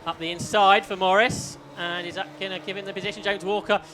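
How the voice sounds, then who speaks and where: A man's voice: high-pitched, flat delivery, quick pace, a bit bright, slight background noise, poor audio. A man giving live play-by-play motorsport commentary, often posing questions as the action unfolds.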